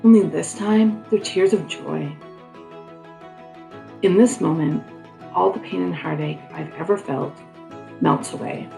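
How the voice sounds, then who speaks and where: Very gravelly, slow-reading young woman. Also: fairly low pitch, dark tone, faint music behind, low-quality recording. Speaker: storyteller. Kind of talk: scripted personal narration.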